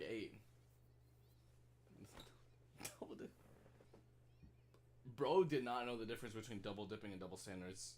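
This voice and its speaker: Young male reaction streamer, lowish voice that swings widely, slang-heavy, faint room hum. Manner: slangy, swears, laughs often. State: hiccuping. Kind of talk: casual reaction commentary.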